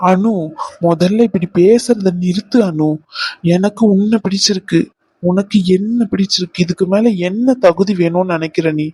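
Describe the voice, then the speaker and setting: A man's voice: high-pitched, moderate pace, darkish tone, husky, no echo. A man voicing an insistent, devoted young man in a cartoon, demanding answers. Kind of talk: cartoon voice acting.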